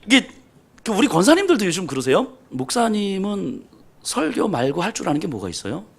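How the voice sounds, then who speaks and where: A man's voice: high voice, fairly bright tone. A man pastor preaching a sermon, telling self-deprecating stories with humor.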